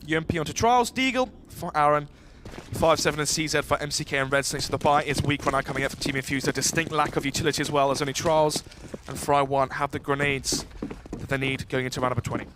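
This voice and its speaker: A man giving live esports caster commentary, running through each round in a brisk, clipped analytical way. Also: a little high, fairly even intonation. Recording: faint game noise behind voice.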